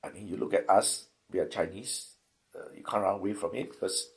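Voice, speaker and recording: A middle-aged man with a Singaporean accent speaks in an interview, his voice gravelly. He thinks aloud, restarting phrases and tagging points with "right?". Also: sits low, fairly quick. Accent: Singaporean English. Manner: thoughtful, many restarts and rhetorical "right?". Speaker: university lecturer, interviewee. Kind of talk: reflective interview answer.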